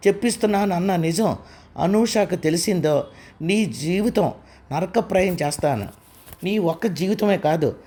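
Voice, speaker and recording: A man's voice: sits high, mellow, lightly acted. A man voicing a cruel blackmailing villain. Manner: menacing, commanding. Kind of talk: audiobook character reading.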